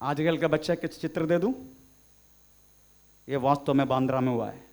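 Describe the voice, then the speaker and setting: A man's voice: medium pitch, moderate pace, a little mellow. A man preaching a sermon in Hindi, mixing in English phrases and often calling out "praise the Lord" and "amen". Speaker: pastor.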